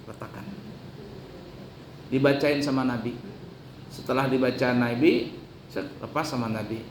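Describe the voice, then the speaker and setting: A man's voice: mid-range voice, fairly even intonation, a little slow, roomy sound, slight background noise. A man giving a colloquial sermon, telling a story with acted-out dialogue. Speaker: preacher.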